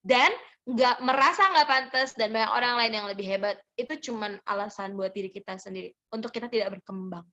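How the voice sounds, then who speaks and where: A young woman giving gentle, reassuring advice in a motivational sharing session, answering audience questions and mixing in English phrases. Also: a little high, fairly quick.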